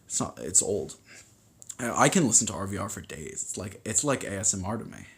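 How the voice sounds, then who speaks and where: A man's voice: lowish voice, lively intonation, fairly quick, fairly bright tone. A man hosting a casual livestream, rambling and reading viewer comments aloud, with many fillers and restarts, recorded on a phone. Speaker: livestream host.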